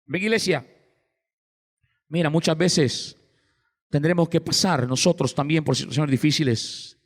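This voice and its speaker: Man, Salvadoran accent, pastor, passionate sermon, high voice, long church reverb. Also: measured pace. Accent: Salvadoran Spanish. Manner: impassioned preaching, calls out to the congregation with repeated refrains. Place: large church sanctuary.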